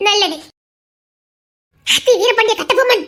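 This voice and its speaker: Woman voicing a teasing young woman, very high-pitched, bright, giggly, audio drama. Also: animated, normal speed. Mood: playful. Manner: teasing, giggly, mock-solemn. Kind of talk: Tamil audio drama acting.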